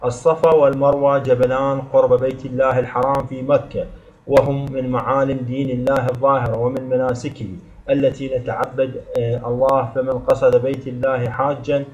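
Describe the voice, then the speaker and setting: A male teacher works through an exam review, reading terms and examples one after another. His pitch barely moves, keeping a flat, even line. The recording is a little dull and lo-fi. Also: a little fast. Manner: reads definitions and examples in a steady listing delivery. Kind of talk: exam review lesson read from notes. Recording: slightly dull lo-fi sound.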